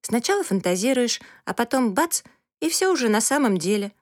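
A pert teenage girl, as a woman reader puts her on in an audiobook, with a high, bright voice that leans hard on every word. She is dramatic and quick to sulk, and her lines swing well above the reader's own pitch. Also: sing-song, no echo, clean studio sound. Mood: sassy. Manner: high-pitched, sassy, emphatic.

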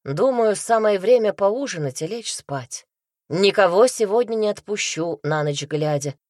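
A woman reading an audiobook gives a calm, gentle husband a soft, quiet voice that turns to low mumbling when he is cornered. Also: measured pace, dry recording, clean studio sound, close to an everyday voice.

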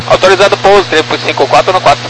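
A man's voice: high voice, fast talker, a bit bright. A man talking as a pilot over the radio, giving terse, clipped readbacks in aviation phraseology. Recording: noisy air-band radio.

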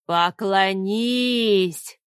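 A woman voicing a scheming old male immortal sorcerer king who speaks slowly and menacingly. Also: medium pitch, clean tone, no room sound, clean studio sound. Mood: commanding. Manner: slow, drawn-out, menacing.

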